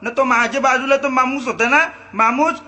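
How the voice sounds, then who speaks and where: A man's voice: very high-pitched, normal speed, sharp tone, voice pushed up, heavily acted. A man playing a rustic man with an Agri Marathi accent who tells his travel tale in a rambling, laughing way. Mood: boastful. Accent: Agri Marathi dialect.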